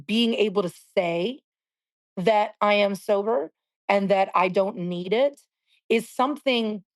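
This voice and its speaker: A woman in her forties, a singer being interviewed, talking candidly and reflectively, often pausing to search for words. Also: mid-range voice. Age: 40s. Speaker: guest singer.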